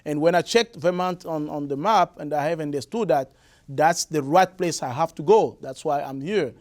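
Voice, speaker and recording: This Congolese man, a Lari speaker from the Republic of the Congo, is a musician being interviewed in a radio or TV studio. He talks at a fairly high pitch and hesitates often, restarting and filling pauses.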